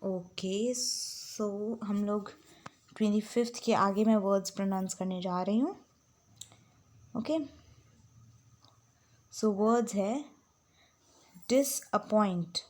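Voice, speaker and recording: A woman tutor runs a spelling lesson at a slow, unhurried pace. She dictates each word clearly and then spells it out letter by letter. Her explanations switch between English and Hindi. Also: mid-range voice, a little mellow. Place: home room with some background sounds.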